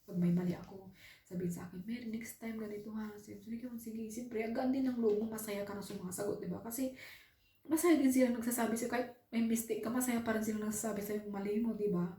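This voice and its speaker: A woman from the Philippines, working as a domestic helper overseas, tells her story in a casual vlog. Her voice is soft and warm at a medium pitch, and she talks in a heartfelt way, turning to her viewers again and again. The sound bounces around an echoey room. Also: quick pace. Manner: earnest, heartfelt, often addresses viewers as "guys".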